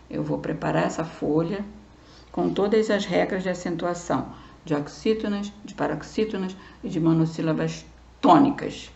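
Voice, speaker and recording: A woman's voice: mid-range voice, gravelly. A woman teaching a primary school grammar lesson, patient and checking understanding as she goes. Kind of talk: remote class lesson. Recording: roomy, dull lo-fi recording.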